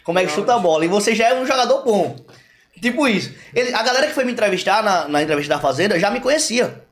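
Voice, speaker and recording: Fast-talking young man telling a story. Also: high voice. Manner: slangy, animated, quick storytelling. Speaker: guest. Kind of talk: casual chat, storytelling.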